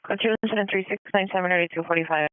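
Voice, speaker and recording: Male police dispatcher on the radio, fast and crisp, narrow tinny band. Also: sits high, steady tone, no room sound. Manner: rapid clipped dispatch codes. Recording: tinny radio scanner audio.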